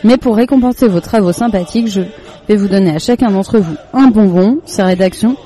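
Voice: mid-range voice, fairly quick, dark tone, lightly acted. The storybook narrator voicing a pompous male army officer who speaks stiffly and ceremoniously to a class of children.

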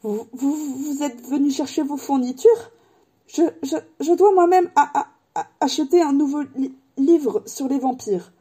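A woman's voice: high-pitched, measured pace, warm tone, voice pushed up. A woman doing a stammering, jittery young professor. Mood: nervous, stammering. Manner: stutters on nearly every word.

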